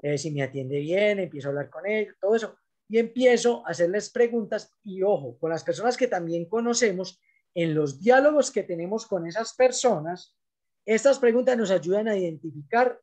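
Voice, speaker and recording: A man's voice: high voice, darkish tone. A man giving a business training talk, coaching salespeople in an emphatic, direct way.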